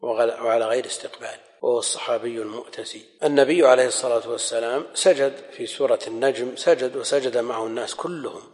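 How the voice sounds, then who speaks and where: A man teaching a scholarly lesson in a measured, explanatory manner, often repeating key phrases. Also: mid-range voice, a little mellow. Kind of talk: recorded lecture commentary. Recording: long hall reverb.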